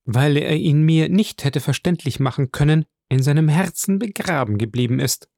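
A man voicing an earnest young woman who calmly speaks for her grandfather in a read-aloud story. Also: fairly high pitch, moderate pace, no echo, studio quality, natural voice.

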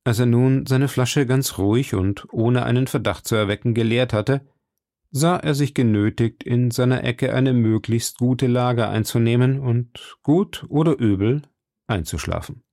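A man reading a classic novel aloud in steady, measured scripted narration. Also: medium pitch, no echo, studio quality. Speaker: audiobook narrator.

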